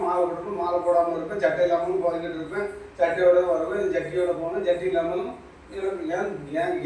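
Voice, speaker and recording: A man's voice: high-pitched, a little mellow. Man, spiritual teacher, repetitive preachy delivery; distant, echo-heavy recording with faint noise. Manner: preachy, repetitive, addresses listener directly. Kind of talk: impromptu spiritual talk. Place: small shop.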